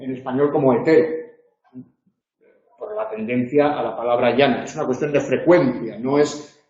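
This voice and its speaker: Spanish guy from spain lecturing in a classroom, lots of ums and restarts, warm low-key tone, kinda muffled and echoey. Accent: Peninsular Spanish. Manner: hesitant, many filler sounds and restarts. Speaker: university tutor. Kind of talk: spoken lecture. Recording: dull echoey room recording.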